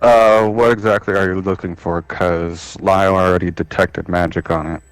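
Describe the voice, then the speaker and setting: A male game master narrates a tabletop game in a relaxed, unhurried way. His voice is low-pitched and smooth. The sound is dry and close. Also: dry recording, soft background music, rough recording.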